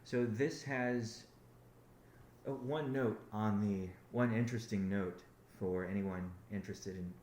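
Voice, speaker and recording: This company founder's business update on a conference call wanders, full of self-corrections and sentences he starts over. He speaks a little slowly in a steady, lowish, darkish voice. An echoey room and slight background noise color the audio.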